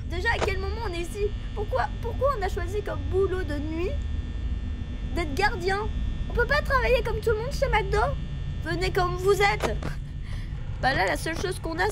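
A woman's voice: extremely high pitch, moderate pace, noisy background. A young woman who has a cold, chatting and joking her way through a horror game, teasing its characters as she plays. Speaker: gaming video host. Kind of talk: casual gameplay commentary. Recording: music playing in the background.

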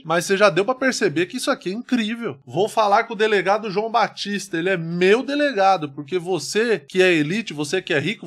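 A Brazilian man hosting a comedy show, giving ironic, mock-admiring commentary on viral clips. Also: sits high. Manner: ironic, mock-praising, animated. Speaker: comedy video host.

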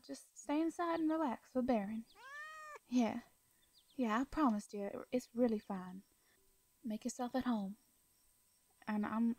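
A woman with a slightly high voice plays a caring, protective young farmer in a roleplay audio drama, speaking in a soft, hesitant, folksy Southern US accent. Her acting is light and the recording is dry.

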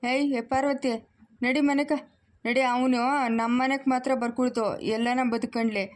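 A woman's voice: high voice, flat delivery, normal speed, natural voice. A woman voicing a hot-tempered, protective grandfather in a family cartoon. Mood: angry, scolding. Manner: scolding, threatening.

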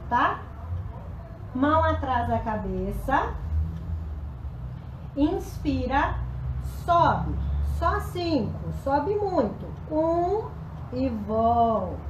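A woman's voice: high voice, roomy sound, background noise. A woman teaching a live pilates class at home, counting reps aloud while exercising and getting out of breath, her voice faltering. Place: room at home.

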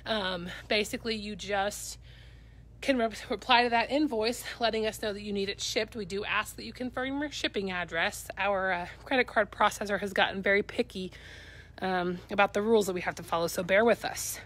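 A Midwestern woman staffing an auction company gives live viewers an upbeat, chatty tour of auction items in a cluttered warehouse, filmed on a handheld phone camera. Her voice is medium in pitch, brisk and a bit bright.

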